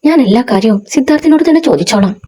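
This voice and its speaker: A woman reading as a jealous young woman with a sharp tongue, curt and demanding. The tone is mellow and slightly husky, sitting fairly high. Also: animated, racing. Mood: angry.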